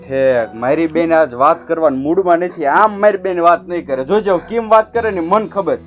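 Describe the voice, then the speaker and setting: A man's voice: on the high side, fairly quick, faint music behind, close to an everyday voice. An actor playing a caring elder brother who reassures and coaxes his sister in a village drama. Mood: reassuring. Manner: reassuring, coaxing.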